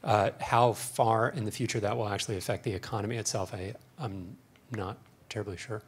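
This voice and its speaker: A man speaking on a conference panel in a measured, hedging way. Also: lowish voice, steady tone, slight background noise. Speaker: panelist, market researcher.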